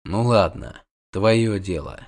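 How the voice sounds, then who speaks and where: A man voicing a gruff, terse monster hunter. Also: low-pitched, big pitch swings, slow pace, voice pushed down, heavily acted. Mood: dry, mocking.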